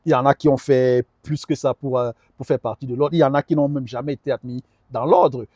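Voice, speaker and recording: A man's voice: mid-range voice, fairly even intonation, fairly quick, warm tone, no echo. A middle-aged man talking earnestly as a guest advisor in an interview, often repeating words while he searches for the next one. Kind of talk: conversational interview.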